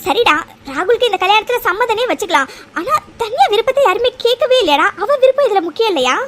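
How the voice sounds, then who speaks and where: A woman's voice: extremely high pitch, sing-song, fast talker. A woman voicing a stern elderly matriarch in a dubbed cartoon family drama, scolding the men firmly. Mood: exasperated. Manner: scolding and firm, calls the men to order.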